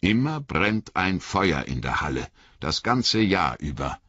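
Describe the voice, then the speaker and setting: A man's voice: low voice, big pitch swings, a little slow, pushed and bright, breathy edge, no echo, exaggerated voice. A man voicing a wise, grave old wizard in a storybook reading. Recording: slightly muffled dry recording.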